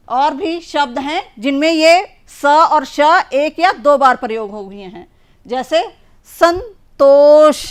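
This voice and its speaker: Woman, primary teacher, children's lesson, high-pitched, slow, patient, drawn-out words.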